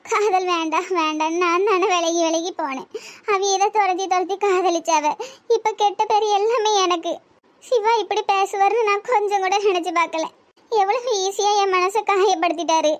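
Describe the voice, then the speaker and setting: Sad cartoon girl, tirunelveli tamil accent, super high squeaky voice, self-pitying. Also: fairly even intonation, moderate pace. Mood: sorrowful. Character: heartbroken young woman blamed for love.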